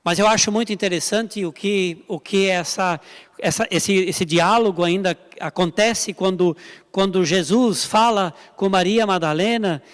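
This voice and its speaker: A man's voice: sits high, measured pace, in a large hall. A male pastor, preaching a sermon emphatically, repeating lines and appealing directly to the congregation. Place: church service.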